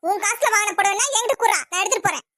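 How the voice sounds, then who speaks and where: A woman's voice: extremely high pitch, very fast, fairly bright tone, dry recording. A woman voicing a domineering, quarrelsome old mother-in-law in a cartoon who scolds and insults the family. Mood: scolding.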